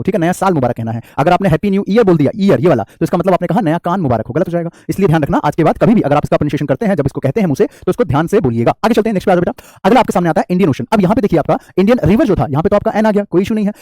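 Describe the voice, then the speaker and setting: A man's voice: sits high, mellow, dry recording, clean studio sound. A man teaching an English grammar class, explaining patiently and asking his students questions. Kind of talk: classroom lesson.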